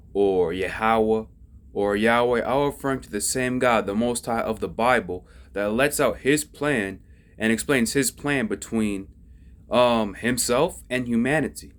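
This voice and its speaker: A man explaining the Bible in a casual, conversational teaching style, often checking that listeners follow along. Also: fairly low pitch. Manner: conversational, folksy, asks listeners if they follow. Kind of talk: casual religious explainer video.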